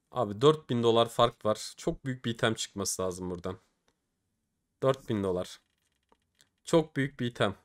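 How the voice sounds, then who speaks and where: A young man with a medium-pitched, fairly bright voice casually narrates opening game cases as a streamer. He frequently pleads for good drops and groans at what he gets.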